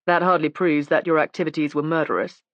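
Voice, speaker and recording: A woman's voice: low-pitched, fairly even intonation, fast talker, dry recording, lo-fi sound, close to an everyday voice. A woman reading a stern, ironic male inspector. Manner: cool, clipped, ironic. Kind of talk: audiobook character voice.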